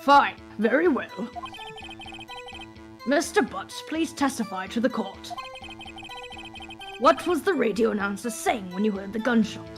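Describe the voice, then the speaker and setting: A woman acts out a stern, fussy older judge in a live fan voicing of a game, keeping a formal, measured courtroom tone. Her voice sits somewhat high, and game music runs behind it. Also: animated. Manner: formal, deliberate.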